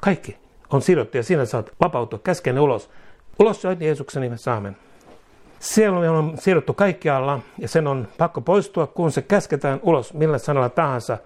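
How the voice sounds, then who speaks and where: A man's voice: a little high, expressive, a little mellow. Fervent, emphatic male preacher. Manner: emphatic and repetitive, rising to fervent prayer. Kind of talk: sermon.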